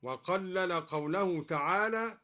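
A man, a Quran reading scholar, giving a radio lesson. He alternates measured explanation with slow, melodic recitation in a studio. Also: high-pitched, sharp tone.

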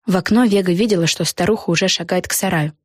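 A woman reading a children's storybook aloud in an expressive, measured manner. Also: fairly low pitch, dry recording, studio quality. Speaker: audiobook narrator. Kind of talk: storybook narration.

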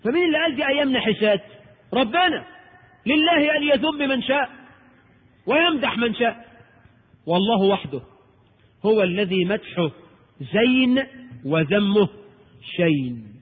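A man preaching a lecture in Egyptian Arabic, animated and rhetorical, asking and answering his own questions. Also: very high voice, moderate pace, long pauses, husky. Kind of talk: recorded Islamic lecture. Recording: tinny old tape in a reverberant hall.

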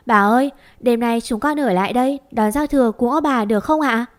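A woman reading as a cheeky teenage younger sister who teases and tattles. Her voice is high and playful. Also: a little fast, lightly acted. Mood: teasing. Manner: cheeky, teasing.

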